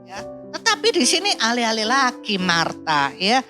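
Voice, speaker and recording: This is a woman delivering a sermon at a church service, reading scripture and explaining it verse by verse. Her voice sits a little high and rings bright and clear. Soft music plays faintly behind her. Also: wildly swooping pitch, normal speed. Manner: explaining, often adds "ya" and "Saudaraku". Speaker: preacher.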